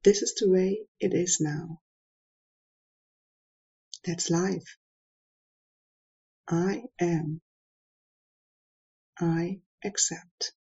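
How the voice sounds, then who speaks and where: Woman meditation guide: unhurried, low-ish husky voice, soft calm delivery, muffled lo-fi recording. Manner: slow, soft and calm instructions with long pauses.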